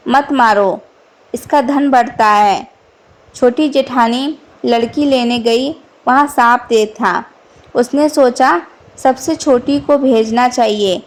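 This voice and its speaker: A woman reading out a devotional festival folk tale in a slow, even storytelling manner. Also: on the high side, vocal fry.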